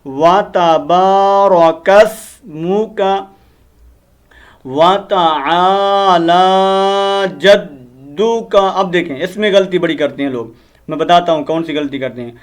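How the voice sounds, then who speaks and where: A man teaching prayer recitation, slowly drilling Arabic words and correcting common mistakes. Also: a little high. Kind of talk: Urdu recitation lesson.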